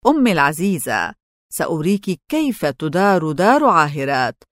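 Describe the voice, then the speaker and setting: A woman's voice: low voice, sing-song, moderate pace, no room sound. A woman reading an audiobook, voicing a young woman turned cold and cruel, speaking with cutting scorn.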